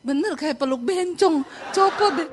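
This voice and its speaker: A woman's voice: sits high, lively intonation, moderate pace, music in the background, voice pushed up. A woman voicing her blunt, exasperated husband while preaching.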